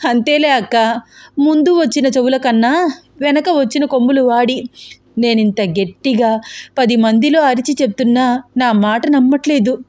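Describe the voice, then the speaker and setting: A woman voicing a scheming middle-aged wife who wails and shouts accusations in a spoken story. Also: moderate pace, natural voice. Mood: wailing accusing. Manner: shrill, wailing, accusing. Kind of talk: storybook acting.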